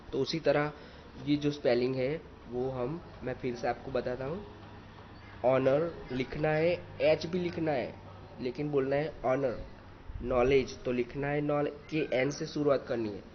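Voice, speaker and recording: A man walks through an English lesson at a very slow pace, spelling each word out letter by letter and repeating it. His voice sits at an ordinary pitch. The recording is dull and lo-fi, with a faint hiss underneath. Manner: spells words letter by letter, repeats, explains in Hindi. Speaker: English teacher.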